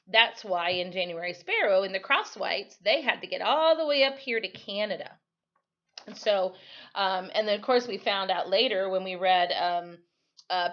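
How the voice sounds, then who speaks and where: An American teacher reads a storybook aloud to her students in an informal lesson, explaining along the way and frequently correcting herself. Her voice sits at medium pitch and is a bit bright. It was recorded on a computer microphone with lo-fi sound.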